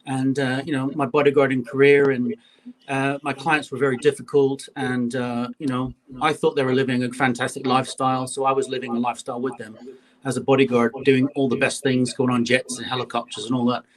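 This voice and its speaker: A man's voice: mid-range voice, level tone, fairly quick. A man, a guest chatting on a call, leaning on "you know" and frequent "uh". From England. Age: 50s. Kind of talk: casual interview on a call.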